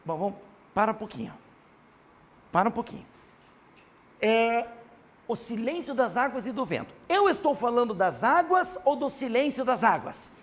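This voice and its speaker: A man with a Brazilian Portuguese accent teaching a grammar class, animated and constantly prompting his students to answer. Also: extremely high pitch, normal speed, long pauses.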